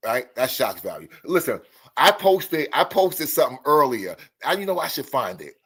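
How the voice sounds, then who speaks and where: A man's voice: medium pitch, sing-song, moderate pace, fairly bright tone, husky. A man hosting a live chat stream, talking emphatically and often repeating himself. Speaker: host.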